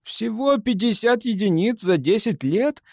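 A man's voice: high-pitched, animated, a little slow, vocal fry, no room sound, clean studio sound, pitched above the performer's own voice, heavily acted. A man voicing a cocky, boastful male crewman who speaks in a raised, self-satisfied voice.

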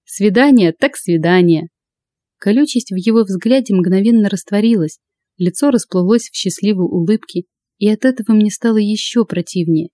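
Brief: woman audiobook narrator, expressive and wry, mid-pitched, dry recording. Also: fairly quick, no room sound. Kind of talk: first-person audiobook narration.

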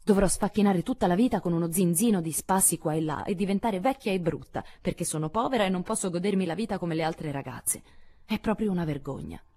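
A woman's voice: lowish voice, animated, fairly quick, dark tone, pitched above the performer's own voice. A woman voicing sulky teenage Meg. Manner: complaining, plaintive. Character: teenage girl Meg, sulky, longs for luxury.

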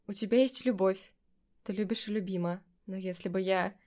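A woman's voice: mid-range voice, moderate pace, warm tone, lightly acted. A woman reading an audiobook and voicing a sly, playful, powerful witch who talks in a coaxing, teasing way. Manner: coaxing and teasing, mock-surprised.

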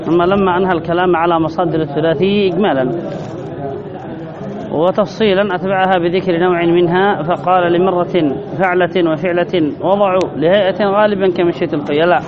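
A man's voice: high-pitched, steady tone, brisk, crowd noise. A man teaching a grammar lesson, reading a line then explaining it, repeating phrases and asking his listeners questions. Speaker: sheikh teaching Arabic grammar. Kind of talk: classroom lesson explaining a text. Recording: dull lo-fi recording with audience noise.

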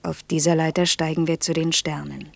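Telling a fairy tale in a quiet, intimate German radio play, an actress plays a gentle, pensive, gravely earnest woman, her voice low, breathy and husky with little pitch movement. The hushed, slow, lyrical storytelling drifts toward a near-whisper, tender and dreamy, with no room sound.

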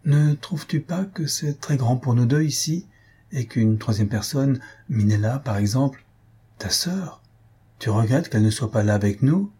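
A man voicing Albina, a gentle and uneasy young wife, speaking softly and wonderingly in a husky voice. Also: mid-range voice, normal speed.

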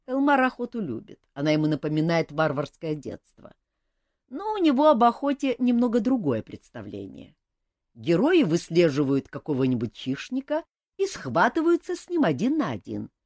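A woman reading an audiobook, voicing a calm young king who teases with dry humor. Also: fairly low pitch, moderate pace, no echo, full character voice. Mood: teasing. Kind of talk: audiobook character voice.

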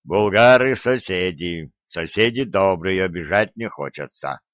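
A man voicing a proud, steady warrior boyar in an audiobook, speaking slowly and weightily. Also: low-pitched, no echo, highs cut off. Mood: stubborn. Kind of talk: audiobook character reading.

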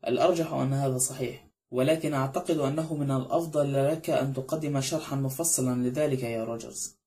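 A man reads an old judge in an audiobook, dry and probing as he questions the others. The voice is dark and mellow, close to the narrator's own. He keeps a quick pace. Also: medium pitch, fairly even intonation, natural voice.

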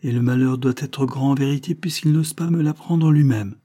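A man voicing an elderly lady, a reserved and worried mother, speaking in a soft, restrained half-voice. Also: medium pitch, normal speed, pitched above the performer's own voice, close to an everyday voice.

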